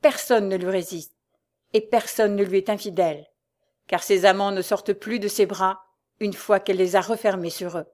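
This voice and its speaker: A woman voicing a calm, mysterious male nobleman with a cool, measured way of speaking. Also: medium pitch, close to an everyday voice.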